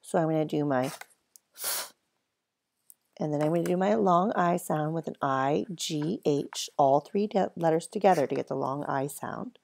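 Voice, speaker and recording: A woman's voice: low voice, vocal fry, darkish tone. A woman teaching a phonics lesson to first graders, stretching out each sound and cheering the children on. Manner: slow, exaggerated sounding-out of letters and words; cheerful, encouraging teacher talk.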